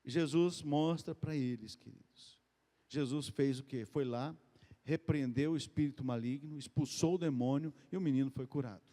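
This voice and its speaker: A man preaching a sermon in a conversational way, calling the congregation "dear ones" and often rising and speeding up as he speaks. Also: normal speed. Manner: conversational, addresses the congregation as "queridos" and "gente"; lively, often rises in pitch and speeds up. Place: church hall. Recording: long hall reverb.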